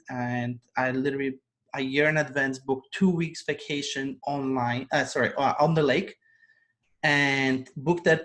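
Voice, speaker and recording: A Polish man, an online business coach, appears as a guest in a casual video-call interview. His mid-range voice has a fairly bright tone, and he tells his story earnestly, laughing often.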